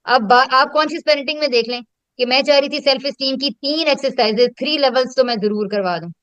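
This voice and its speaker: A woman talks through her teaching approach in a relaxed, conversational way. Her voice sits a little high and sounds dry and close, with almost no room around it. She reflects aloud and drops English terms into her speech. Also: fast talker, clear, resonant tone, no echo, lo-fi sound. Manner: reflective, explains with classroom examples, mixes in English terms. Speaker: educator and host. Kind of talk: casual conversational teaching talk.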